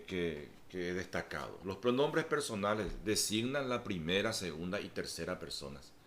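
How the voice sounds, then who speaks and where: A man's voice: mid-range voice, a little hiss or hum. A male teacher giving a patient grammar lesson who repeats key points and checks in with his students.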